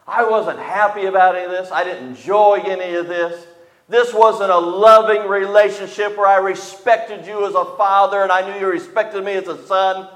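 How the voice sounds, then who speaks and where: A man's voice: sits high, measured pace, fairly bright tone, pitched above the performer's own voice. A sniveling, resentful grown son, as a preacher puts him on, whining his complaints in a raised, pinched voice. It rings out with a long hall reverb behind it. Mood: whiny complaining. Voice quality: whiny, sniveling. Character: resentful whiny older brother, grown son.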